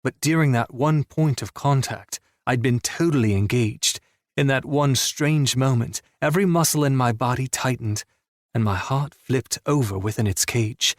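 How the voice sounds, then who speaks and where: A man's voice: mid-range voice, normal speed, no echo, clean studio sound. A man narrating a first-person romance audiobook in a weary, blunt inner-monologue manner.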